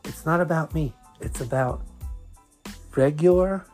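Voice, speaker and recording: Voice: medium pitch, measured pace, darkish tone, faint music behind. A podcast host with a Brooklyn accent, talking conversationally and earnestly, repeating phrases for emphasis.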